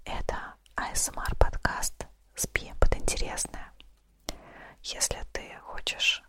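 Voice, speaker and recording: A podcast host telling stories in a soft, relaxing ASMR whisper, close to the microphone. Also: slow pace.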